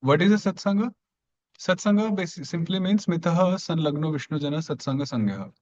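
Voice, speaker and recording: A man teaching an online grammar class, explaining patiently step by step and clearing his throat now and then. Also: a little high, brisk, a little mellow, lo-fi sound.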